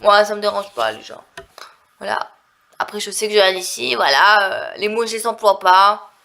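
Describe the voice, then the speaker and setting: A woman's voice: medium pitch, animated, normal speed, gravelly, sharp tone, slight background noise. A woman from southern France with a nasal voice, chatting casually and rambling in a vlog. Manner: chatty, rambling, heavy on fillers. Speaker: vlogger.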